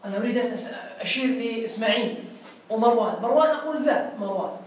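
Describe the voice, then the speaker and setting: A man's voice: very high voice, very fast. Male grammar teacher, classroom lesson, repeats and quizzes students, echoey room, faint hum behind.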